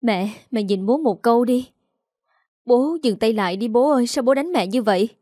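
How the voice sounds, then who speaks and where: A woman's voice: a little high, moderate pace, warm tone, no room sound, studio quality, natural voice. A woman voicing a teenage daughter who pleads in tears. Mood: pleading. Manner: crying, pleading.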